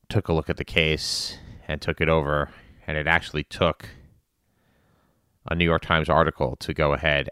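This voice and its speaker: Very deep, bright-voiced man speaking earnestly. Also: clean tone, no echo, clean studio sound. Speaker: spin class instructor. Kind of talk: earnest monologue on current events.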